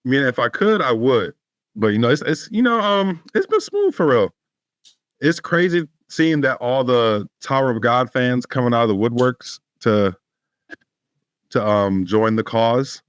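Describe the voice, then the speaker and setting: Dude co-hosting a pod, casual street slang, cusses, dry sound. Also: male voice, medium pitch, animated, unhurried, no echo. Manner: slangy, swearing. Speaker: podcast co-host.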